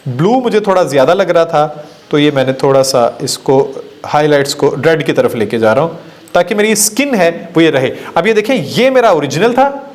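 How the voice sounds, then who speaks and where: Male tutor with a high voice for a voice-over software lesson; patient step-by-step walkthrough, a few hesitant fillers. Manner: explains step by step, mixing English terms into Hindi; hesitant fillers, slows down on English phrases. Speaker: video editing instructor. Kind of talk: screen-recorded software tutorial.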